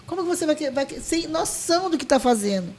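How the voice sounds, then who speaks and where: As a guest, the high-voiced leader of a folk dance group from Maranhão, Brazil, shares an emotional story at a quick pace, animated and a little mellow, heartfelt and full of restarts and quoted dialogue.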